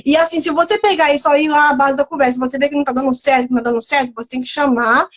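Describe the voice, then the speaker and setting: A woman's voice: sits high, fairly even intonation, very fast. A woman, a therapist guest, explains parenting at length in a casual interview, full of fillers and home examples.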